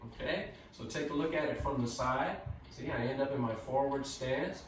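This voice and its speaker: A man giving calm, measured step-by-step movement cues as a tai chi instructor. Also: mid-range voice. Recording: echoey room, distant mic, faint noise.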